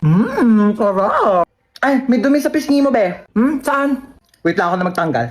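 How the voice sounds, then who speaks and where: High lively young woman, teasing. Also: moderate pace. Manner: playful, teasing, bursts into shouts. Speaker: comedy skit creator. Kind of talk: comedic sibling skits. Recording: noisy phone video recording.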